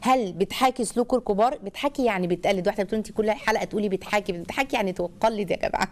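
A woman's voice: medium pitch, rapid-fire, a little mellow. A woman with an Egyptian accent hosting a live call-in parenting advice show, chatty and reading out viewer comments. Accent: Egyptian Arabic.

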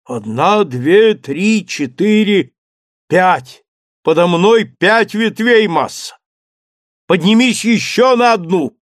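Storybook part: man doing a timid, sly old servant, high drawling calls, dry close sound. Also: expressive, takes it slowly, no room sound. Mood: calling down. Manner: plaintive, wheedling servant talk. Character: old male servant climbing a tree, simple, fearful, sly. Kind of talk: audiobook character voice.

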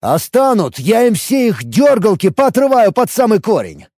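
A man's voice: a little high, expressive, a little fast, warm tone, breathy edge, dry recording, clean studio sound, voice pushed up. A man voicing a hot-headed, lovesick human paladin in an audiobook, blustering and pleading. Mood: roaring.

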